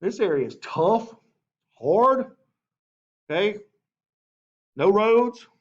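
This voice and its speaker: A man teaching a history class in a lively way, often asking the class and saying okay. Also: high-pitched, drawn-out words, dull audio.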